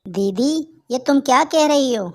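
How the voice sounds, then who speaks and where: A woman's voice: high voice, lively intonation, measured pace. A woman voicing a pushy sister kite. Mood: eager. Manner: eager and scolding. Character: hungry meddling younger sister kite, female. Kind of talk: Hindi cartoon voice acting.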